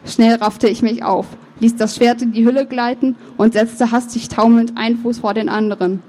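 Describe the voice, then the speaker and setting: A woman author reading her novel aloud, with measured, expressive first-person narration and the odd slip of the tongue. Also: a little high, slight background noise. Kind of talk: book reading.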